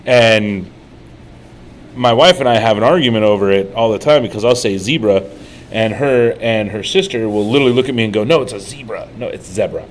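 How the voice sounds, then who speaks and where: Male co-host, low voice, rambling casual tutorial chatter, faint room hum. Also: fairly quick, poor audio. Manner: rambling, storytelling, frequent fillers. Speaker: co-host painting miniatures. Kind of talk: casual painting tutorial chat.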